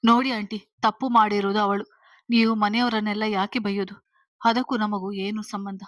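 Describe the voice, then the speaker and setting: A woman's voice: medium pitch, little pitch movement, normal speed, no room sound, close to an everyday voice. A woman voicing a young woman who answers an aunt with restrained anger. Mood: indignant. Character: indignant young woman, bride's sister.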